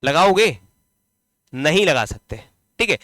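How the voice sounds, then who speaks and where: A man with a Hindi accent teaching English grammar in a classroom lecture, asking the class questions and answering them himself, drawing out key words slowly as he writes. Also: a little high, very animated, sharp tone, dry recording. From India. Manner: stretches key words slowly while writing on the board.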